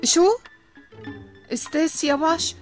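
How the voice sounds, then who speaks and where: A woman's voice: sits high, steady tone, normal speed, faint music behind, natural voice. An actress playing an anxious mother fearing bad news, in Lebanese Arabic. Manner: anxious, questioning. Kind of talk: dubbed TV drama.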